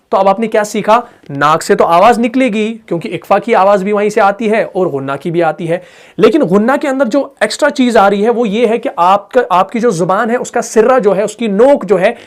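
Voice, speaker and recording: A man teaching Quran recitation, patiently repeating points, checking that students follow and demonstrating sounds aloud. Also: high voice. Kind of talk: explanatory lesson.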